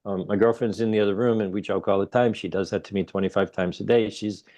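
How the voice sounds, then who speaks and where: A middle-aged man from Ohio, a guest researcher telling stories in a casual interview, animated and emphatic. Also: quick pace. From Ohio, United States. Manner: animated storyteller, rising to emphatic highs. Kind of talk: casual conversation.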